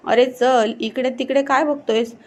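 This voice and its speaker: A woman's voice: high-pitched, steady tone, unhurried. A woman voicing a carefree, mischievous young village man in a storybook reading, in a casual, teasing tone. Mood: urging.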